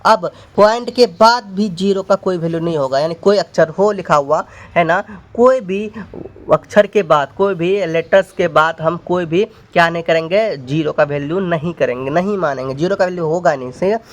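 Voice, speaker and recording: A man's voice: fairly high pitch, moderate pace. A man teaching a maths lesson step by step, repeating points and addressing students as brother. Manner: repetitive, explains step by step.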